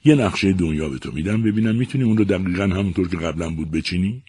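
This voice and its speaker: A man's voice: deep voice, dark tone, breathy edge, no room sound, clean studio sound. A man voicing a busy, impatient father in a storybook reading, offhand and coaxing.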